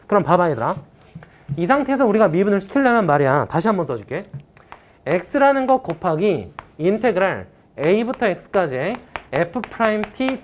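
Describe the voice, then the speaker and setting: Lively woman math teacher. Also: lowish voice, a little hiss or hum. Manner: casual, talks to students directly, checks understanding often; mock-exasperated outbursts. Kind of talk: classroom math lecture.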